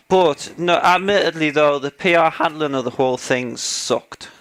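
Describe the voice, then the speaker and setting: A man's voice: a little high, a bit bright, clear, resonant tone. Ranting man, worked up. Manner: ranting, sarcastic, gets worked up. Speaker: podcast co-host. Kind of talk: casual gaming chat while playing.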